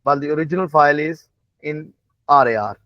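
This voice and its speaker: A man with a slightly high voice, a non-native English speaker, runs a live online lesson and explains as he demonstrates on screen. His delivery is halting and repetitive, with frequent questions to make sure listeners follow. The audio has the dull, lo-fi quality of an online call.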